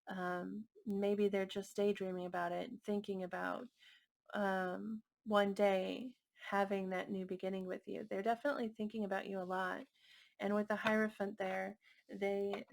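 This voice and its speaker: A woman giving a casual tarot reading in a gentle, musing way. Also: mid-range voice, gravelly. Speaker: tarot reader.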